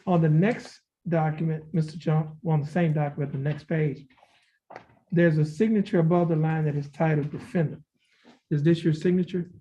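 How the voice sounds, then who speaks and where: Flat-voiced male judge in a courtroom recording. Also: fairly high pitch. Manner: measured, formal, reading documents aloud. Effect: courtroom recording heard over a video call. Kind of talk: formal plea hearing. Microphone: video call. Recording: dull lo-fi courtroom audio with faint hiss.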